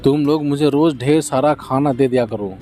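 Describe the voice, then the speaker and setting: A man's voice: mid-range voice, moderate pace, dark tone, a little hiss or hum, natural voice. A man voicing a big bullying demon who demands food and makes threats in a storybook tale. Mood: threatening.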